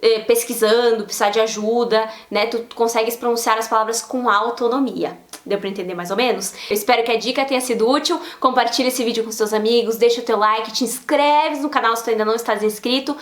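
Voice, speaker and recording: Lady teaching spanish sounds, chatty and lively, bit of room echo. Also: a little high, quick pace, few pauses. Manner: lively, explanatory, demonstrates pronunciations. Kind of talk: casual video lesson.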